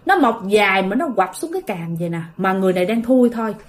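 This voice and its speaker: A woman's voice: medium pitch, big pitch swings, fast. A woman telling a ghost story in a chatty way, talking straight to her listeners. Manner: chatty, addresses listeners directly.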